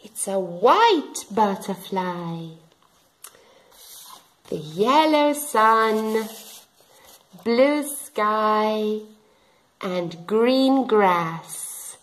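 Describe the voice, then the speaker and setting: A woman in her thirties teaching young children in simple repeated phrases, with an animated, sing-song delivery. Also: medium pitch, extremely slow, pauses often. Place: small room indoors.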